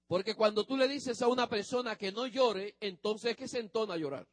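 A man's voice: high-pitched, brisk, no room sound. A male pastor preaching a sermon, speaking emphatically to the congregation and drawing out the ends of phrases.

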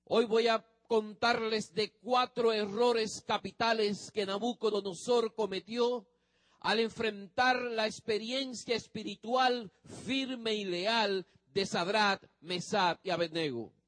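A man's voice: high voice, steady tone, takes it slowly, a bit bright, no echo. A male pastor preaching a sermon, speaking emphatically to the congregation and drawing out the ends of phrases.

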